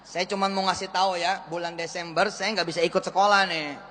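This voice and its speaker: A man preaching a lively motivational sermon, coaxing the audience to repeat after him. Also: high voice, fairly quick. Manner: energetic, coaxes the crowd into call-and-response. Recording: echoey hall with faint hiss.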